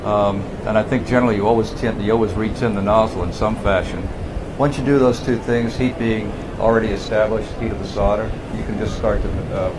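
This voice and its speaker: A man on a trade show panel, explaining a technical process with halting restarts. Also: fairly low pitch, steady tone. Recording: noisy trade show hall.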